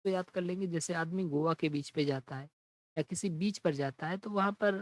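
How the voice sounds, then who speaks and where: A man teaching an English vocabulary lesson, explaining each word in Hindi and reading the English definitions slowly. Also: on the high side, no echo, low-quality recording. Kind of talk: exam-prep vocabulary lesson.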